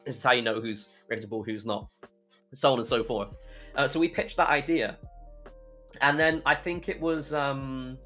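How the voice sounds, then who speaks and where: Guesting on a podcast, a young British YouTuber and streamer tells stories casually, chatting and rambling as he goes. He speaks at normal speed in a medium-pitched voice that's bright and forceful, with fairly even intonation, while soft music plays in the background.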